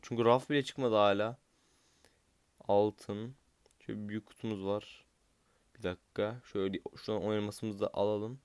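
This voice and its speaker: Young male gaming commentator, impatient and cursing, smooth voice, dry close sound. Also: fairly low pitch, flat delivery, normal speed, pauses often, no room sound. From Turkey. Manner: frustrated, impatient, swears at the game. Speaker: gaming YouTuber.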